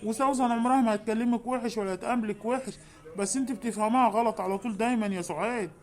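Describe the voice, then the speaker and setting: A woman's voice: fairly high pitch, very fast, darkish tone, pitched below the performer's own voice, lightly acted. Woman doing a placating Egyptian husband. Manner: soothing, reasoning, calls people darling. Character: husband Hussein, grown man, placating peacemaker.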